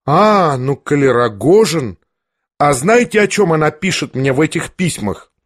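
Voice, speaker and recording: A man's voice: a little high, big pitch swings, measured pace. A man reading an audiobook, voicing a proud, jealous young noblewoman who fires off agitated, reproachful questions. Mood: anxious. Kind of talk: audiobook character voice.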